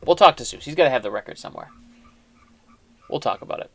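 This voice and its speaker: A man's voice: medium pitch, animated, fast talker, vocal fry, slightly rough. A man hosting a casual chat, talking in a chatty, rambling way with frequent restarts. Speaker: host.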